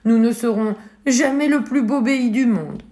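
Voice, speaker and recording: A woman's voice: unhurried, warm tone, natural voice. A woman doing an eager little boy. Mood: sad. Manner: high, eager, near tears. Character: little boy, earnest and hopeful.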